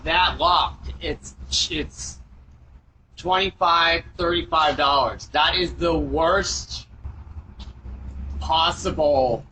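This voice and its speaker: A man speaks in a high, bright, sharp voice, as caught on a noisy doorbell speaker outdoors. He is hesitant and halting, often repeating his words as he goes. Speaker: visitor speaking at a doorbell camera. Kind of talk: halting unscripted doorbell camera talk.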